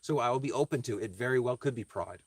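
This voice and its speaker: A man with a husky, mid-range voice, recorded without room sound, crafts on a livestream while talking casually to viewers. He thinks aloud haltingly and reflectively and answers their comments.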